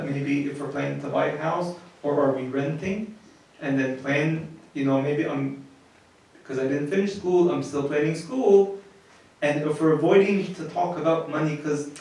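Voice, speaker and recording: A man's voice: fairly high pitch, a little mellow. A man, a priest, giving a conversational marriage lecture and often repeating words as he restarts. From United States. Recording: very echoey, from far off the mic.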